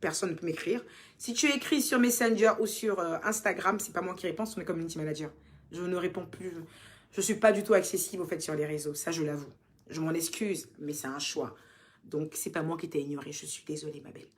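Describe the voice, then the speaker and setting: A young woman hosting a casual chat, reading out viewer questions and answering them directly. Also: fairly quick. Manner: reads names out loud and bright, answers low and soft.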